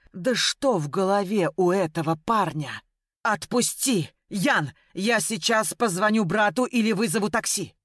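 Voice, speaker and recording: A woman's voice: fairly low pitch, no room sound, studio quality. A woman narrating an audiobook in a dramatic, emotive reading style.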